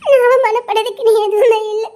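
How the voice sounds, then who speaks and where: A woman's voice: very high-pitched, fairly even intonation, a little fast, mellow. A woman with a Tirunelveli Tamil accent playing a hurt, proud young wife who is tearful and defiant and keeps pushing her husband away.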